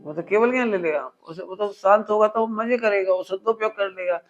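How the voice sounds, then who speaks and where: A man with a high voice delivers a spiritual discourse to an audience, animated and full of household examples. He keeps stopping to quiz his listeners and have them repeat the point back. The recording sounds dull and lo-fi. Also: fairly quick. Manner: quizzes listeners with call-and-response questions. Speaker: religious teacher.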